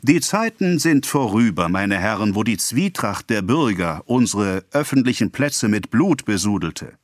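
A man voicing a pompous male government official, declaiming a speech slowly and loudly in an audiobook reading. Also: fairly low pitch, sing-song, no echo, clean studio sound. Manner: declaiming, slow and loud.

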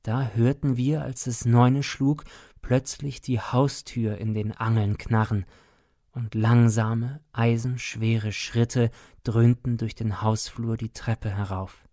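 A man narrating a classic tale with solemn, dramatic weight. He reads slowly and deliberately, recorded close on a dry microphone. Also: medium pitch, little pitch movement, warm tone, no room sound. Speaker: audiobook reader.

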